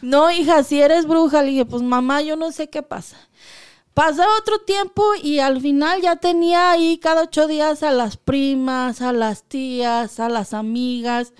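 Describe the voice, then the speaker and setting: Woman, high voice, podcast guest, chatty storyteller who acts out every line of dialogue. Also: measured pace. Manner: animated, acts out quoted dialogue. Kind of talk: conversational storytelling.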